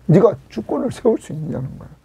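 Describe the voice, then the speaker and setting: A man's voice: high-pitched, very animated, fast talker, gravelly, warm tone, slightly rough. A male pastor giving a Korean expository sermon, emphatic, swinging up on questions and sinking to a near whisper at the ends of lines.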